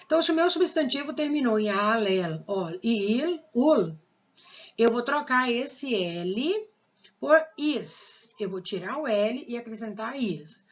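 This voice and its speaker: A woman's voice: on the high side, lo-fi sound. Brazilian teacher woman, patient explainer. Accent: Brazilian Portuguese. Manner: patient, repeats rules with rhetorical questions. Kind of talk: recorded grammar lesson.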